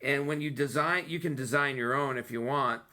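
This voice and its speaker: A man's voice: mid-range voice, normal speed, bright, forceful tone. A man in his thirties hosting a podcast, chatting casually and enthusiastically about childhood toys, rambling with fillers. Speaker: podcast host. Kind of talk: casual chat.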